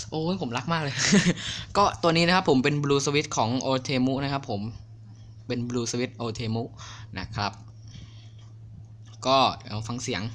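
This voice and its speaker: A young man casually reviewing a mechanical keyboard, chatty and excitable, a little crude. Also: medium pitch. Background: clicky keyboard typing.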